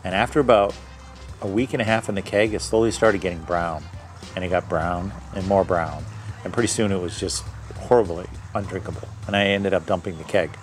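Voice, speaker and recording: A man's voice: deep voice, fairly even intonation, fairly quick, soft background music. A man reviewing his own home-brewed beer in a casual tasting video, thinking aloud and correcting himself as he goes. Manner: describes aromas and flavors in detail.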